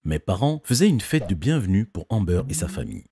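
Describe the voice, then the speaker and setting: Deep, lively man narrating an animated story. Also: brisk. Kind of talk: scripted first-person narration for an animated story.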